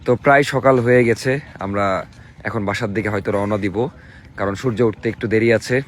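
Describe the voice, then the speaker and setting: A young man with a Bangladeshi accent and a hoarse voice, chatting casually as a vlogger. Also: lowish voice, fairly even intonation, fast, slight background noise. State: hoarse voice from a cold night out. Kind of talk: casual vlog narration and chat. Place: mostly outdoors at night and early morning.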